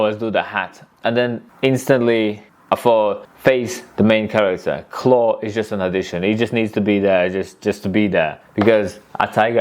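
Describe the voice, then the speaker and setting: A man teaching tattooing in a casual, rambling way, often restarting his sentences. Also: lowish voice. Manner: rambling, restarts often, acts out client talk. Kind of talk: casual spoken lesson.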